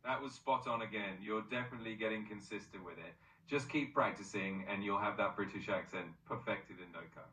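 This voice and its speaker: A man's voice: on the low side, fairly quick, few pauses, pushed and bright, echoey room, distant mic, slight background noise, poor audio. A male-sounding AI voice assistant coaching pronunciation, upbeat and encouraging with frequent praise.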